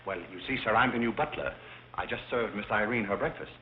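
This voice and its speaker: An actor playing a courteous, unflappable butler trading dry, deadpan screwball banter in a 1930s film comedy style. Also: male voice, on the low side, fairly quick, a little hiss or hum, close to an everyday voice. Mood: apologetic. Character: courteous, unflappable, dryly witty new butler. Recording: muffled old film soundtrack, faint music.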